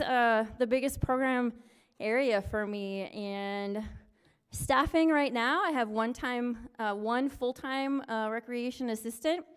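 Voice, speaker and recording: A woman in her forties, a recreation coordinator presenting at a city meeting in an upbeat, loud lifeguard voice with many fillers. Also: a little high, smooth. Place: city council meeting room.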